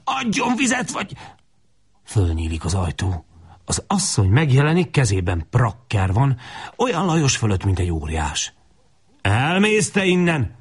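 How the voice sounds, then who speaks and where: A male narrator reading a story aloud with a husky, fairly low voice. His delivery is expressive and lively in pitch, now rising with action, now dropping to a hush. Dramatic audiobook style. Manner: expressive, dropping to hushed tones in intimate passages.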